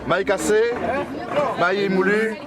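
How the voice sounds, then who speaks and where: Guy at a busy market stall explaining his corn flour, high voice, loud crowd behind. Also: slow pace. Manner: lively, quizzing the listener. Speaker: corn mill vendor. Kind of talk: explaining to visitors.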